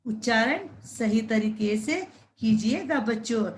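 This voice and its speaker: A woman leads young children through a phonics lesson at an exceptionally slow pace. She draws out each syllable and says every word several times over, and her voice sits a little above the usual pitch. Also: expressive, slight background noise. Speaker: primary school Hindi teacher.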